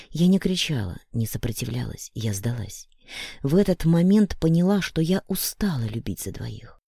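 A man reading a first-person audiobook in a measured, somber, dramatic way. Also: mid-range voice, dark tone, no echo, studio quality. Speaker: audiobook reader.

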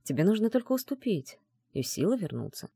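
A man voicing an arrogant male mage mentor who taunts in a calm, low, mocking tone, in an audiobook. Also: fairly quick, gravelly, slightly rough, dry recording, studio quality, exaggerated voice. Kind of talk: audiobook dialogue reading.

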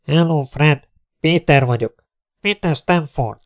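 A man voicing an earnest male friend who pleads over a loudspeaker to calm things down. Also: fairly high pitch, voice pushed up, natural voice. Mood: pleading.

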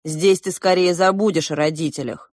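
A woman doing a sarcastic quarrelsome kid, teasing, high, storybook voice. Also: steady tone, normal speed, darkish tone, dry recording, clean studio sound, natural voice. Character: sharp-tongued quarrelsome child companion.

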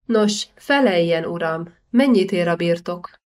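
A woman's voice: lowish voice, lively intonation, darkish tone, lightly acted. A woman reading the lines of a bold young man who angrily rebukes a cheating official. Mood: indignant. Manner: cutting, righteous rebuke.

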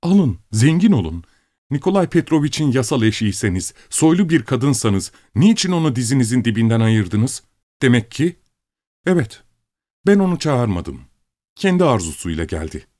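A man's voice: mid-range voice, expressive, normal speed, a little mellow, no room sound, clean studio sound, voice pushed up, close to an everyday voice. A man voicing a distraught, tearful young woman who protests indignantly, in an audiobook story. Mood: tearful defiant. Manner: sobbing, indignant outbursts.

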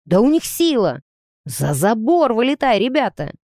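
Woman voicing Kvakin, a gruff teenage gang leader. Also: medium pitch, big pitch swings, normal speed, darkish tone, no room sound, studio quality, lightly acted. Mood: shouting orders. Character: rough teenage boy gang leader, sullen.

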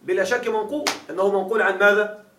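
A man's voice: high voice, fairly even intonation, quick pace, a bit bright, a little hiss or hum. A man teaching a grammar class, quizzing his students with repeated questions as he explains. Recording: echoey room, mic far off.

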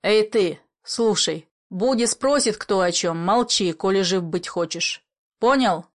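A woman voicing a menacing grown male smuggler who gives curt orders and hisses threats in a low whisper. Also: unhurried, lightly acted. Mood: threatening.

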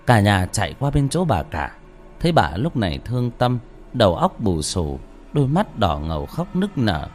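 A male storyteller narrates a ghost story in a dramatic, suspenseful way. His voice is low, with wide, lively swings in pitch. Faint music plays behind him. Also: normal speed.

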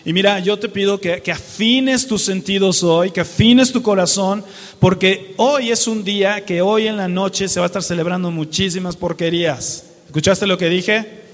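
A man's voice: high voice, normal speed, big-room sound. A Mexican man preaching a sermon, colloquial, throwing rhetorical questions at the congregation. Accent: Mexican Spanish.

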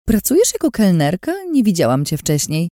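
A woman's voice: fairly low pitch, very animated, moderate pace, dark tone, no room sound, studio quality, voice pushed up. A woman voicing a sweet but scheming young woman who gives orders in an overly sweet, insistent tone. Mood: probing.

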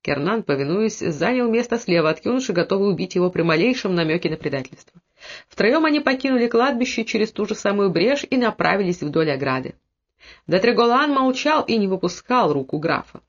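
A man reading a historical novel aloud in steady storytelling narration, dropping his voice lower for the characters' lines. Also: a little fast, lo-fi sound. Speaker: audiobook narrator. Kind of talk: scripted narration.

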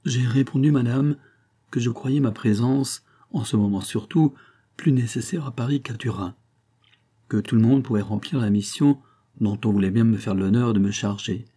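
A man reading an audiobook and voicing a grave, loyal count who speaks in a measured, formal and earnest way. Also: medium pitch, mellow, breathy edge, natural voice.

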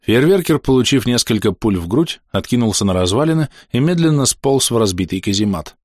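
A man narrating an audiobook in first person, measured and dramatic. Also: mid-range voice, lively intonation, no room sound, studio quality. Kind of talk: scripted narration.

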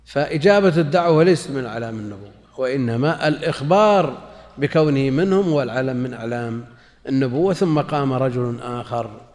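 Male religious teacher, mid-pitched, measured and repetitive explanation, reverberant hall sound. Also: darkish tone. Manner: measured, repeats phrases while explaining. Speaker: Islamic scholar. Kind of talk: lecture explaining hadith commentary.

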